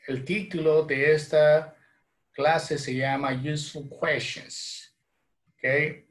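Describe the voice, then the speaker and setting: Salvadoran man teaching English slowly. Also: mid-range voice. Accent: Salvadoran Spanish. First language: Spanish. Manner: repeats phrases slowly, then translates into Spanish. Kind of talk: bilingual online lesson. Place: small home room, indoors.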